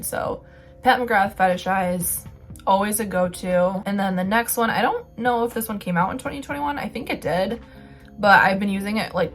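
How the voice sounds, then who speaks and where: A young woman vlogger chatting casually about beauty products, rambling with lots of filler words. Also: lowish voice.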